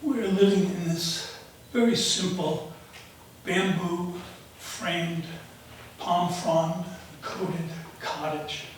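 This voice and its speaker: A man in his seventies from New York, telling a personal story live in measured short phrases with pauses. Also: high voice, steady tone. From United States, raised in the Bronx. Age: 70s. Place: auditorium stage. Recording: very echoey auditorium, noisy, distant.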